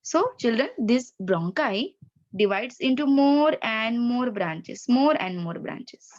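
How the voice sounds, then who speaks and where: A woman with an Indian accent teaches an online class, stretching and repeating key words as she explains. Her voice sits fairly high. The sound is dull and lo-fi, like a laptop mic on a video call. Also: expressive. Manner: explains slowly, repeats key terms, mixes Hindi and English.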